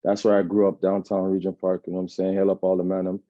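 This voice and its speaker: This is a personal account from a Jamaican-accented interview guest in his thirties, delivered in a low voice that's completely flat and quick. He rambles loosely, checking in often with "you know what I'm saying." The audio is dull and lo-fi, no echo.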